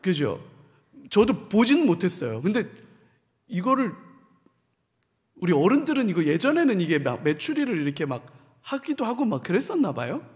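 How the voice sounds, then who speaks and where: Male pastor, bible lecture, humorous and animated, high voice, church hall reverb. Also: normal speed, long pauses. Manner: animated, humorous storytelling, dropping to soft asides.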